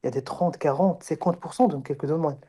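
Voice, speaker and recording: A man's voice: on the high side, fast, warm tone, husky. A young man speaking French as his third language, stammering and repeating words as he argues. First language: not French. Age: young adult. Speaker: debater in role-play chat.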